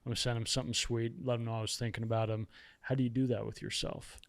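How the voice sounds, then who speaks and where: A man who writes and hosts his own podcast appears as a guest, talking candidly about himself with self-deprecating humor in a reflective, casual conversation. His medium-pitched, gravelly voice is flat in delivery and very fast.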